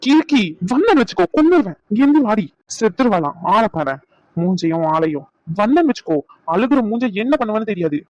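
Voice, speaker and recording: A man's voice: high-pitched, big pitch swings, dry recording, dull audio. A man voicing an injured young man in a cartoon who teases his tearful girlfriend with mock threats. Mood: playful. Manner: teasing, mock threats, rapid speech. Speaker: voice actor. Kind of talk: cartoon dub acting.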